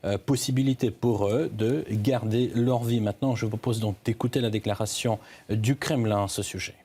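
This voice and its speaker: A correspondent gives live news analysis in a fairly low male voice with a dark tone and a breathy edge. His intonation stays fairly even, and his delivery is halting and hesitant, full of repeated word starts.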